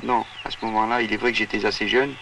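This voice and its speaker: A man's voice: fairly low pitch, little pitch movement, quick pace, pushed and bright, slight background noise. A man in his twenties answering interview questions earnestly, with hesitant restarts. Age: 20s. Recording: distant 1960s outdoor film sound.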